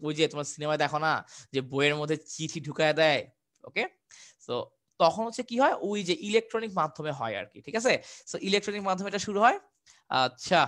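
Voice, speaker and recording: A man's voice: fairly high pitch, a bit bright. A young man from Bangladesh teaching a live online exam-prep class, chatty and repetitive, answering viewers' questions as he goes. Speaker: online tutor.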